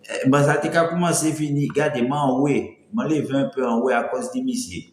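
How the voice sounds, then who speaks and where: In an echoing room, a livestream host talks loosely and casually at normal speed. His steady, mid-range voice is light and thin, breaking when he strains it. He greets viewers by name and slips Creole into his rambling.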